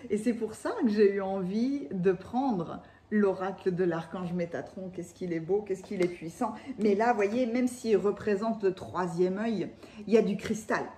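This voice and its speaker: A woman's voice: mid-range voice, unhurried, warm tone. A woman with a lisp on her s sounds gives a chatty, enthusiastic tarot reading, speaking off the cuff. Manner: enthusiastic, exclamatory. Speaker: tarot card reader. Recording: echoey room.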